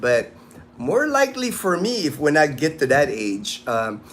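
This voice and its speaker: With a slightly high, fairly bright voice and huge pitch swings, a man in his late fifties hosts a sunny outdoor livestream at a measured pace. He reads viewer comments and rambles casually, restarting often, over slight background noise.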